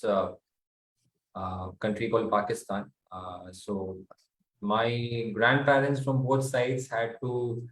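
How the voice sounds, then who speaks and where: A man's voice: on the low side, level tone, slow, a bit bright. Indian guy being interviewed, earnest, lots of uh and um, echoey room sound. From South India. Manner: earnest, hesitant with many fillers. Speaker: guest author and researcher. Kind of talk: interview answers, storytelling. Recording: roomy echo.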